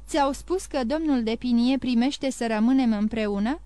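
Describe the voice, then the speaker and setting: A loving young granddaughter, anxious and tender, pleading as she asks question after question, as a woman reads her in an audiobook. Her voice sits high and lifts higher with worry. The recording is close and dry. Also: mellow, no room sound, lightly acted. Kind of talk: audiobook reading.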